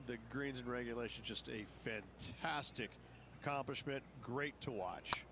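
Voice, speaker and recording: A man giving color commentary on golf in measured, admiring remarks. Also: medium pitch. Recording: loud background noise. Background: noise.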